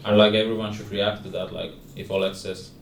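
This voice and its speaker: A young man talks in a low, playful way, laughing between quick remarks. He sounds far from the mic in an echoey room, with steady noise behind him. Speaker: esports player. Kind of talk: casual team chat.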